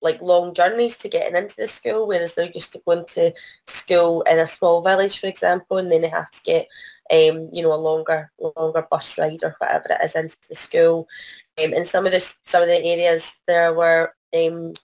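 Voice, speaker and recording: A Scottish woman with a croaky voice from a cold, presenting informally on a video call in a hesitant, apologetic way. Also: on the low side, level tone, normal speed, a little mellow, poor audio. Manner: hesitant, apologetic, frequent self-interruption. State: has a cold. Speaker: presenter, arts organisation producer.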